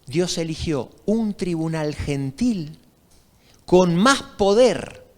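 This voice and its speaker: A man's voice: high voice, animated, slow. A man preaching a sermon in a church, telling a story and asking the congregation questions. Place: church sanctuary. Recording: reverberant church hall.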